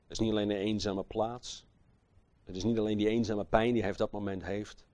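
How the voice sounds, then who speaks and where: A man delivers a passionate sermon, moving between quiet, slow phrases and loud, forceful bursts while putting rhetorical questions to his listeners. His voice is fairly low with little pitch movement, and the recording has no echo.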